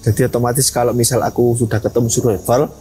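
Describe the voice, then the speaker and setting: A man's voice: medium pitch, flat delivery, quick pace, dark tone, faint music behind, low-quality recording. A young man, a mountain ranger and guide telling a story in an interview and acting out its dialogue. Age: young adult.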